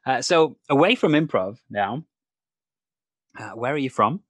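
A man's voice: mid-range voice, expressive, unhurried, no echo, clean studio sound. A man hosting a casual interview, chatting and asking questions. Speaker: interview host, improviser.

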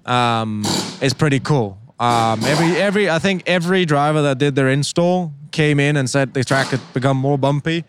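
A young man from Denmark, a racing driver, answering interview questions in a halting way with many repeated words and ums; his first language is Danish. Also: medium pitch, slight background noise.

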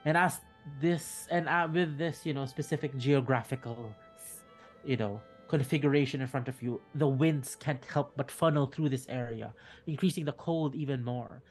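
A man narrating a tabletop game as dungeon master, halting and restarting mid-sentence. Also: mid-range voice, soft background music. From Philippines.

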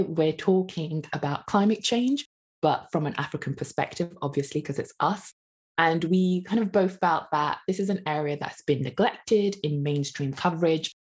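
Woman podcast host, really low voice, measured intro reading. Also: darkish tone.

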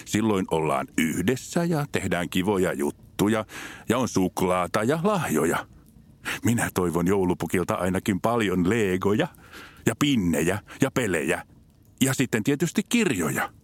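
A man's voice: deep voice, big pitch swings. A man voicing an eager, chatty little girl in a storybook. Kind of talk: storybook character voice.

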